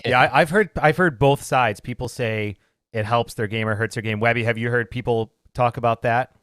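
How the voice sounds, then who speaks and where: A man's voice: mid-range voice, moderate pace, a bit bright, no echo, clean studio sound. A man co-hosting a podcast, asking friendly questions and teasing his co-host. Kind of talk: casual interview chat.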